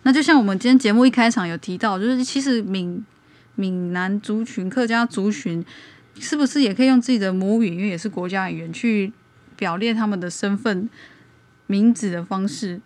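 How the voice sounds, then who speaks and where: A woman's voice: mid-range voice, brisk, a little mellow. Woman hosting a casual podcast chat. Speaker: podcast host.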